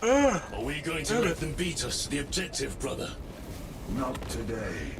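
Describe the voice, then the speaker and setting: An actor playing a stern, zealous space marine in a video game, talking like a gung-ho soldier in formal battle speech. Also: male voice, mid-range voice, big pitch swings, a little slow, very noisy. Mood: resolute. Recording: loud game music behind.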